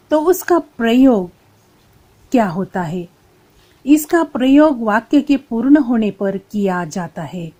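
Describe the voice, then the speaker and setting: A woman's voice: medium pitch, dark tone. A woman teacher giving a Hindi grammar lesson to school students, patiently restating each point. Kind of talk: slow explanatory classroom lesson.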